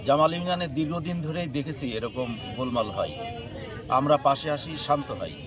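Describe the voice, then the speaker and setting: A man giving a solemn, formal and somewhat halting public condolence statement as a local political figure. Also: fairly high pitch, animated. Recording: outdoor crowd noise.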